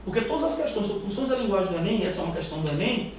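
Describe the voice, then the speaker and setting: A man's voice: high voice, expressive, racing, a little mellow. A male teacher with a Brazilian Portuguese accent running a live exam-prep class, quizzing the room in an emphatic, slangy way. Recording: echoey room, far mic, faint noise.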